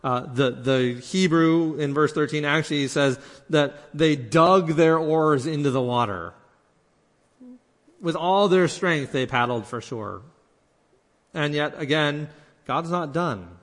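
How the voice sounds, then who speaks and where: A man's voice: a little high, takes it slowly, long reverb tail. A man preaching a sermon in an earnest way, acting out the lines he quotes and often restarting his words. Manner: earnest, acts out quoted speech, many restarts.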